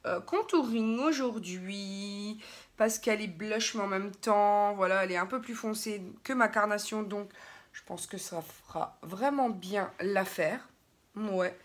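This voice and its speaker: Her voice sits at a medium pitch with a fairly bright tone. This young Frenchwoman, a beauty vlogger, talks to her viewers in a relaxed, chatty way while doing her makeup, frequently digressing.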